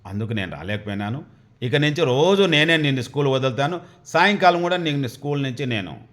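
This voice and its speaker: A man's voice: mid-range voice, expressive, a little fast, a bit bright, close to an everyday voice. A man voicing a kind young cowherd god who comforts a little boy like an elder brother. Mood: reassuring.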